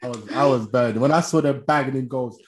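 A man's voice: mid-range voice, fast, a crowd in the background. Insistent young London roadman arguing football. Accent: London, multicultural street slang. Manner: insistent, repetitive arguing in slang. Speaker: football fan panellist. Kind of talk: casual football debate.

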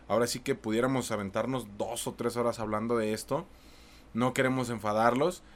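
A man with a Mexican Spanish accent hosting a casual podcast, slangy and joking, swearing freely. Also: medium pitch. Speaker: podcast host.

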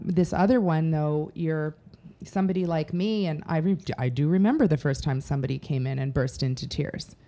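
A middle-aged woman co-hosting a casual advice chat, animated and acting out quoted lines. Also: fairly low pitch. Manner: animated, acts out quoted speech. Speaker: podcast co-host.

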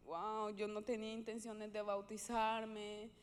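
A woman giving a personal faith testimony in an earnest, halting way, often restarting her sentences. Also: medium pitch, monotone, clean tone.

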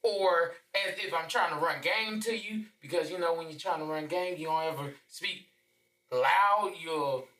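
A man co-hosting a podcast who describes himself as always loud, telling a story in casual chat. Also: on the high side, moderate pace. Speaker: podcast co-host. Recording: roomy, distant from mic.

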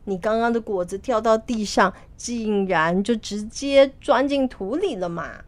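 A woman voicing a timid, deferential old male earth god who speaks slowly and softly. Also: fairly high pitch, lightly acted. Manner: deferential, slow, soft.

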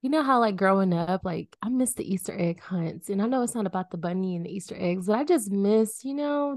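A woman in her late twenties talks in a relaxed, reflective way on a faith podcast, filling her pauses with "like" and "um". Her mid-pitched voice is recorded close and dry. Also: no echo. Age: 20s. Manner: relaxed, reflective, full of fillers. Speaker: podcast co-host. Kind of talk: casual chat.

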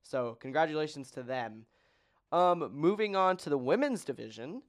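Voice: medium pitch, big pitch swings, moderate pace. A podcast host in casual chat, joking and running through long lists of results with many ums.

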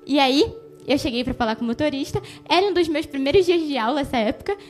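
Woman, devotional speaker, conversational, high voice, faint music. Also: animated, quick pace. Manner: conversational, addresses listener directly. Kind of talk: personal story and Bible devotional.

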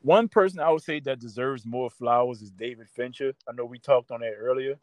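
Man, mid-pitched voice, informal conversational delivery, opinionated discussion, close dry sound. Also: brisk, dry recording. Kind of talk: casual chat.

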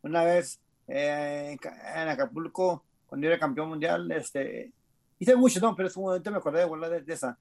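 A man's voice: a little high, brisk, creaky, darkish tone. A man with a Mexican accent, a guest speaking hesitantly with many fillers. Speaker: guest, former boxer. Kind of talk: casual interview chat.

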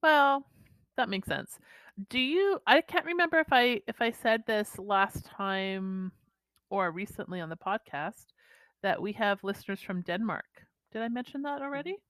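Woman co-host, bubbly and chatty, mid pitch, dead-dry close mic. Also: moderate pace, fairly bright tone, smooth, dry recording. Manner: chatty, bubbly, self-deprecating. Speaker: podcast co-host. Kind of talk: casual chat.

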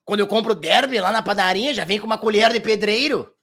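A man voicing a raspy old chain-smoking woman from southern Brazil with a gaúcho accent, rambling and tagging phrases with "né?". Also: high voice, fast talker, fairly bright tone. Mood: boastful. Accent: Rio Grande do Sul. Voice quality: gravelly, strained throat. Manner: rambling, tags every phrase with "né?".

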